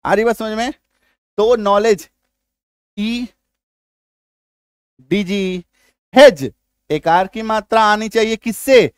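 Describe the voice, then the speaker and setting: A man's voice: high voice, takes it slowly, long pauses, smooth, no room sound, clean studio sound. A man teaching a spelling lesson step by step, often stopping to ask if the learner has understood. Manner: repeats checks like "ठीक है?" and "आया समझ में?" often; patient, step-by-step explaining. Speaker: English teacher.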